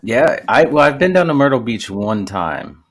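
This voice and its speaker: A man's voice: medium pitch, very animated, normal speed, a bit bright. An American man hosting a podcast, chatting in an informal, buddy-like way. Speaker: podcast host. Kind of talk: casual chat.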